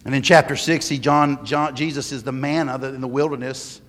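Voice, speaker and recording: A man preaching a sermon in a church, emphatic, pausing and restarting his sentences. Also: mid-range voice, steady tone, a bit bright, in a large hall. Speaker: pastor.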